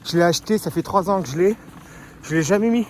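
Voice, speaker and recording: A man's voice: sits high, quick pace, a little hiss or hum. A man chatting to the camera as he runs hill repeats outdoors in the rain, casual vlog style. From France. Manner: chatty, talking to camera between climbs. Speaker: trail runner vlogger. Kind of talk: casual vlog while running.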